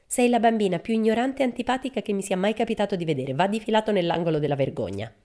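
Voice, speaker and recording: A woman's voice: medium pitch, expressive, fast talker, dark tone, pitched above the performer's own voice, lightly acted. Woman doing a stern, icy schoolmistress. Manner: severe, prim, exasperated. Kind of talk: storybook reading.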